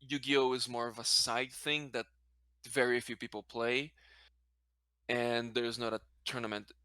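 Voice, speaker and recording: A Brazilian man whose first language is Portuguese, from Brazil and later a Spanish-speaking country, answers questions as a guest in a casual interview, hesitating and often correcting himself. His mid-range voice is level, clear and resonant with a sharp edge, and he talks a little slowly with no echo.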